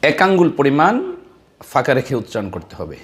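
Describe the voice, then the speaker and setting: A man's voice: medium pitch, big pitch swings, slight background noise. A man teaching how to pronounce a letter in Quran recitation, explaining step by step and repeating syllables for practice. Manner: slow, deliberate, drawing out sounds and repeating syllables. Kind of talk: slow, patient tajweed lesson.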